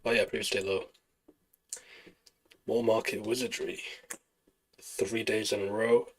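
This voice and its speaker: A man with a low voice streams his trading session live. He walks through chart setups and answers chat in a relaxed, explanatory way, thinking aloud as he goes. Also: measured pace, vocal fry, a little hiss or hum, rough recording.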